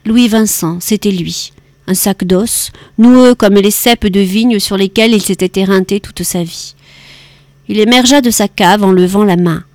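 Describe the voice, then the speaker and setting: A woman narrating a detective novel in an even, measured way. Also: medium pitch, dry recording. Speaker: audiobook narrator. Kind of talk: scripted narration.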